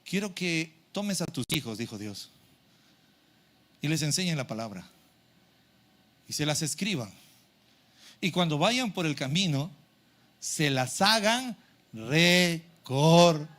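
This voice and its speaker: Man, pastor, high voice, animated sermon in church. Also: unhurried, long pauses. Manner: animated preaching, acting out congregants' complaints.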